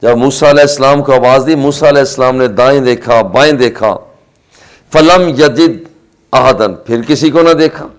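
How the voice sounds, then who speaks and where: A man with a Pakistani Urdu accent delivering a Friday sermon with impassioned oratory, chanting Arabic quotations slowly. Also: mid-range voice, rough recording. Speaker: preacher.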